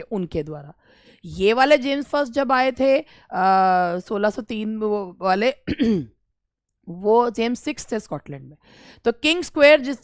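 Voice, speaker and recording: A woman with an Indian accent teaching an English literature exam-prep lesson, explaining slowly and mixing Hindi with English terms. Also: a little high, no echo, studio quality.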